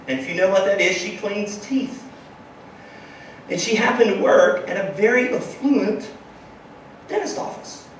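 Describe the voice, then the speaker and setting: A man's voice: sits high, slight background noise. A man telling his startup story in a conference talk, emphatic and punctuating his points with "okay?". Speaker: startup founder giving a talk. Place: large conference room with audience. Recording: very echoey hall, distant mic.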